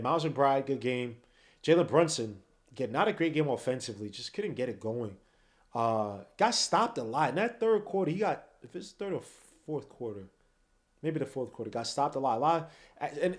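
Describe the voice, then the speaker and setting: Tired, animated basketball podcast host man. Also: mid-range voice. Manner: animated, rambling, swings from mutters to loud outbursts. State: tired, yawning. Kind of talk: late-night basketball breakdown.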